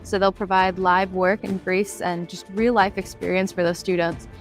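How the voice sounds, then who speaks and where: A woman's voice: on the low side, little pitch movement, normal speed. Woman student, chatty upbeat testimonial, faint music behind. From United States. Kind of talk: promotional testimonial.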